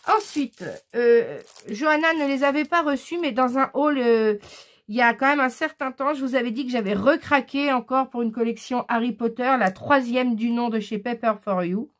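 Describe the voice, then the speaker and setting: A woman chatting casually in a haul video, enthusiastic and hesitant, often pausing with "euh" as she shows her scrapbooking purchases. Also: on the high side.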